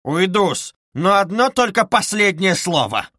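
A man reading aloud voices a pompous, sarcastic middle-aged gentleman in a stiffly formal manner. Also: fairly high pitch, expressive, moderate pace, dry recording, studio quality. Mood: furious. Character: sneering pompous middle-aged male suitor.

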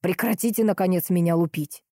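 A woman voicing a grumpy, irritable middle-aged male police colonel who talks dryly and gruffly, in an audiobook. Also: medium pitch, animated, fairly quick, warm tone, no room sound, voice pushed up, close to an everyday voice. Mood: exasperated. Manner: dry, gruff and snappish.

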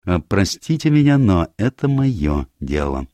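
A man voicing a fussy little Belgian male detective in an audiobook, speaking in a precise, measured, insistent way. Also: low voice, sing-song, mellow, no room sound, voice pushed up. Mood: polite firm. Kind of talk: audiobook character voice.

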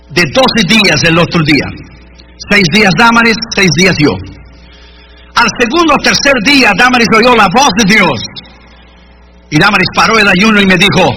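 A man's voice: sits high, pushed and bright. A man from Latin America preaching a sermon and telling a testimony, emphatic, with English phrases mixed in. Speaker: pastor. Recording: noisy recording.

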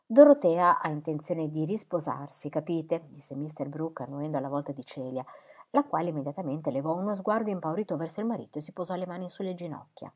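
A woman reads a classic novel aloud, her voice low and steady. Her narration is measured and attentive, with the characters given lively turns. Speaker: audiobook reader. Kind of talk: literary narration.

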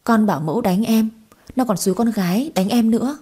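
A woman doing a spiteful shrill young bully. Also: a little fast, warm tone, husky.

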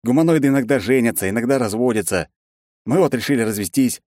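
A man voicing a gruff, tipsy male lawyer who is quick to anger, grumbling in an audiobook. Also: medium pitch, expressive, a little mellow, no room sound, studio quality, pitched above the performer's own voice, lightly acted.

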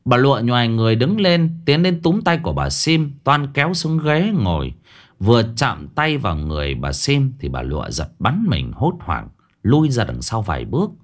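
Animated male ghost story narrator. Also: medium pitch, moderate pace.

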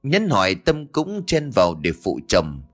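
A man's voice: on the low side, huge pitch swings, a little slow, fairly bright tone, soft background music. A man narrating a ghost story in a dramatic, suspenseful way.

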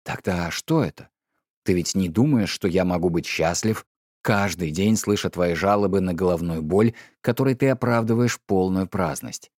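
A man reading an audiobook, voicing a stiff, pedantic middle-aged husband who talks in a slow, measured, reproachful way. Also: sits low, darkish tone, dry recording, studio quality.

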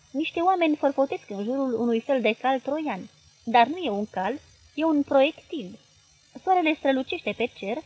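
A woman reading the part of a young girl in a hypnotic trance, describing visions, in a husky voice. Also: high-pitched, darkish tone, rough recording. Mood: entranced. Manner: dreamy, then alarmed as she describes visions.

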